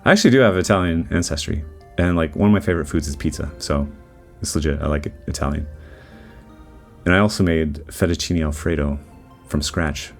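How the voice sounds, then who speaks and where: Speaking a little fast, the low-voiced 3D artist talks over his modeling timelapse in a loose, relaxed ramble. He keeps breaking off to restart, fills gaps often, and faint music hums underneath.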